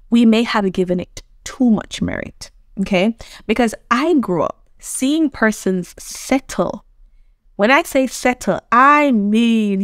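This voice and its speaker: Speaking as a self-improvement coach and host, this woman from Jamaica delivers a motivational talk in an earnest, conversational way and frequently checks in with her viewer. Her voice sits in the mid range, captured in clean studio sound without any room tone.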